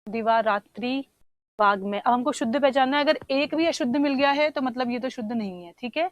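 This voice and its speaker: A woman teacher going through exam answers one question at a time. She explains slowly, spells out words while she writes them and keeps checking with "theek hai". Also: a little high, no room sound, dull audio. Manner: often says "theek hai" to check understanding. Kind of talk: exam answer discussion lesson.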